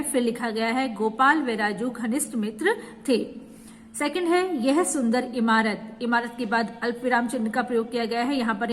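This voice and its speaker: High-voiced woman teaching a class. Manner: explains step by step with repeated rhetorical questions. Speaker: school teacher. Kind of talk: Hindi grammar lesson. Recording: echoey room with faint background hiss.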